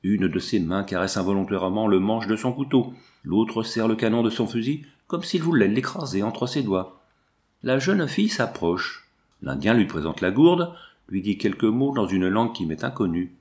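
A man reading a novel aloud in a measured, descriptive narration. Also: fairly low pitch, lively intonation, a little mellow. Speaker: audiobook narrator.

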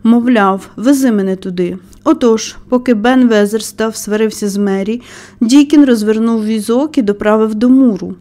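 A woman reading a children's novel aloud as audiobook narrator, with expressive storytelling. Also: fairly high pitch, moderate pace. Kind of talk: scripted narration.

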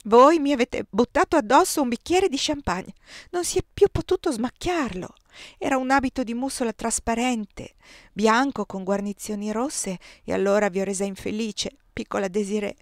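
A woman's voice: a little high, normal speed, no room sound, clean studio sound, pitched above the performer's own voice, natural voice. A woman voicing a tearful fading empress. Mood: wistful. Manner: pleading, sobbing, breaking into cries.

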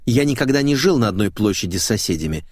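A man narrating an audiobook in the first person, with a wry, expressive storytelling manner. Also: lowish voice, fast talker, dry recording. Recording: dry close studio.

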